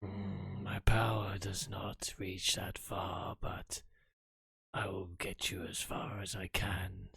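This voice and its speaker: A man voicing a grave, guarded magical bird-like being in a tabletop game, with a raspy voice and slow, solemn, formal speech. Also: low voice, monotone, a bit bright, no echo, full character voice. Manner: slow, solemn, formal phrasing without contractions. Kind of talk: tabletop role-play character voice.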